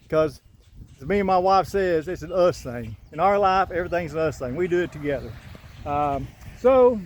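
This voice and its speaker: A man's voice: sits high, darkish tone, a little hiss or hum. An older man with a Southern drawl, chatting in a folksy, rambling way as he walks through his garden with a phone on a selfie stick. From Southern United States. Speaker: homesteader filming his garden. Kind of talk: casual walkthrough vlog. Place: outdoors in a rural garden.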